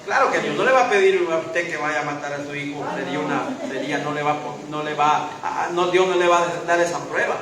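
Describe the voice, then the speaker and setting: A man's voice: fairly high pitch, quick pace, hardly any pauses, far from the mic, a crowd in the background. A man preaching a sermon as pastor, emphatic and full of rhetorical questions. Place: church hall. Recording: echoey church hall from afar, faint hiss.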